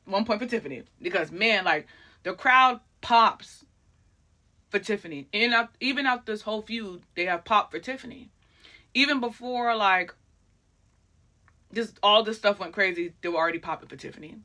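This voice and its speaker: A woman hosting a casual wrestling recap, talking in a chatty, excitable way full of fillers. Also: medium pitch, moderate pace.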